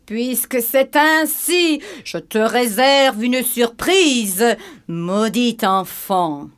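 A man playing a haughty, jealous queen from a storybook, speaking slowly in a raised, lofty voice. She sounds proud and menacing. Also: sits high, lively intonation, a little mellow, pitched above the performer's own voice. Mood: threatening. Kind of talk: storybook reading.

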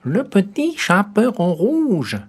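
A man voicing a wolf who fakes a sweet old grandmother's voice in a fairy tale, in a drawn-out syrupy falsetto. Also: huge pitch swings, breathy edge, heavily acted. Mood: coaxing.

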